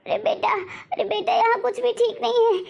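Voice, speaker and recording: A woman voicing an anxious elderly mother-in-law in an animated family story, wailing and calling on God. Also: very high-pitched, moderate pace, vocal fry, lo-fi sound, full character voice. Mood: distressed.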